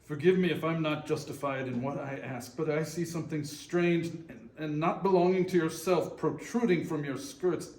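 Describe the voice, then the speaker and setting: A man playing a humbled, fearful older Ebenezer Scrooge in a readers theater, speaking haltingly and earnestly. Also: on the high side, fairly even intonation, a little mellow, close to an everyday voice. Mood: uneasy. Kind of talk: readers theater stage reading. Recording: echoey room, distant mic.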